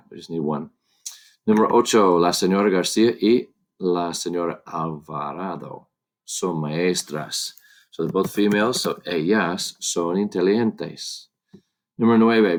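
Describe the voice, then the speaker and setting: A man teaching a Spanish lesson over a screen recording, patiently explaining each step and repeating points as he goes. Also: sits low. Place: at a desk with a laptop. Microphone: computer mic on a laptop.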